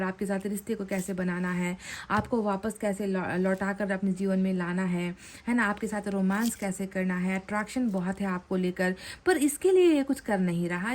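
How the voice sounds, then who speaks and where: A woman reads tarot cards for an audience in a chatty, earnest way. She checks in with a quick tag question at the end of many phrases and goes back over each point in fresh words. Her voice sits at an ordinary middle pitch. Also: a little mellow. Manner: earnest, repeats and rephrases points. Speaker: tarot card reader. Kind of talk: pick-a-card tarot reading addressed to viewers.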